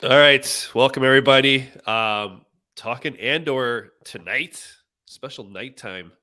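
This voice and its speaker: Bright, congested-sounding male host. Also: medium pitch, measured pace, clear, resonant tone. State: congested and nasal from a cold. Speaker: host of a live review show. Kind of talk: casual live review chat.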